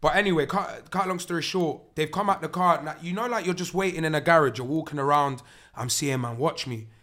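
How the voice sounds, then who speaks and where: A young man with an urban London roadman accent and a bright, forceful voice that sits a little high. He talks in loose, animated street slang, like a podcast host telling a story among friends. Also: a little fast. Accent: London, urban street (roadman) style. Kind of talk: animated casual chat with slang-heavy storytelling.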